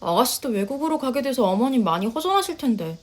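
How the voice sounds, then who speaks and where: A woman voicing a polite, soft-spoken young wife who talks quietly and hesitantly in a story reading. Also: high voice, sing-song, fast. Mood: gentle. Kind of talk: storytelling voice acting.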